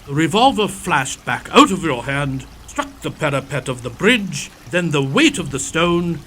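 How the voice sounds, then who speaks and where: An actor playing Doctor Watson as an excitable, loyal companion in audio theatre, blustery and exclamatory. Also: male voice, a little high, measured pace, slight background noise, heavily acted. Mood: astonished.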